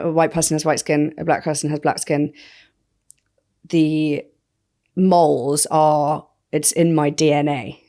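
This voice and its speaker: A woman in casual podcast chat, with a voice sitting a little low. She tells stories with animated energy and laughs often. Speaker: podcast co-host.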